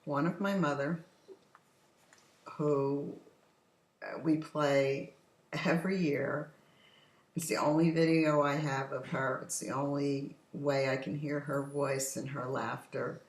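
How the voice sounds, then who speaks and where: A woman's voice: sits low, steady tone, takes it slowly, pauses often, roomy sound, rough recording. An older woman hosting a casual home chat, telling stories in a talkative way. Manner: chatty storytelling, often laughing. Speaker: host. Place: home patio. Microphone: computer's built-in microphone.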